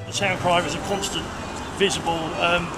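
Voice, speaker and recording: Middle-aged male interviewee, English accent, slightly high pitch, stumbling informal explanations, prominent music bed. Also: little pitch movement, moderate pace, poor audio. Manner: hesitant, repeating words as he explains. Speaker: town crier being interviewed. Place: outdoors on a seaside pier bench.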